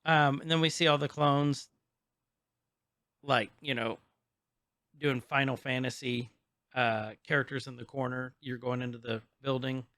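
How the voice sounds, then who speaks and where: A man's voice: mid-range voice, steady tone, measured pace, pauses often, fairly bright tone, no echo, studio quality. A man co-hosting a podcast, casually recapping a show, rambling, laughing often and stumbling over names. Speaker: podcast co-host. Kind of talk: casual chat recapping an episode.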